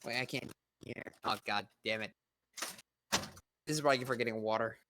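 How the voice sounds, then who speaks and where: A man's voice: mid-range voice, normal speed, background noise. A young man chatting on a live stream, joking, swearing freely and getting defensive when teased. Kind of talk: casual chat on a live stream.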